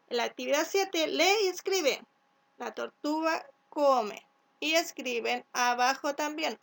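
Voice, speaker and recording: Slow, high-voiced woman teacher. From Chile. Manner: slow, clear, sounds out letters and syllables; asks "¿cierto?" to check along. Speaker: first-grade teacher. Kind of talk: recorded remote class instructions.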